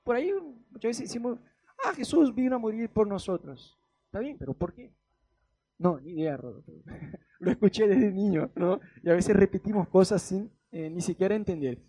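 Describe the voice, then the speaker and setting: A young Argentine man preaching in a loose, joking way, slipping into quick character voices to act out the Bible. His voice sits high yet mellow, with a husky edge. The sound is close and dry. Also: lively intonation, dry recording. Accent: Argentine Spanish. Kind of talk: casual humorous sermon.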